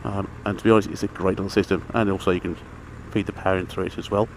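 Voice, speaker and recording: A low, flat voice races through a casual, rambling gear chat as this motorcycle vlogger rides along, keeping things matter-of-fact. His helmet mic picks up the engine, traffic and surrounding outdoor noise.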